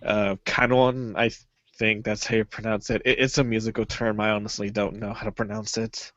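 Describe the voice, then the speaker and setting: A man's voice: on the low side, level tone, brisk, a bit bright, no room sound. A young man co-hosting a podcast in casual chat, rambling with lots of fillers and hesitations. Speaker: podcast co-host. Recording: dull lo-fi podcast audio.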